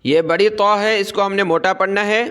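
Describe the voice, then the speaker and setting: A man teaching Quranic letter pronunciation, drilling syllables slowly and explaining quickly between them in a patient, corrective way. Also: sits high, steady tone, fairly bright tone, clear, resonant tone. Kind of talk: recorded recitation lesson.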